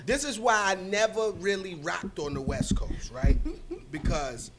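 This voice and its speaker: Middle-aged New York man, podcast co-host, higher than most men, loud animated storytelling. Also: measured pace, a crowd in the background. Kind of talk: casual chat.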